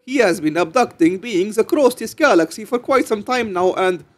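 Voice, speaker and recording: A man's voice: high voice, expressive, moderate pace, pitched above the performer's own voice. A man voicing a short, round male alien agent who explains things in a raised, emphatic way. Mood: explaining.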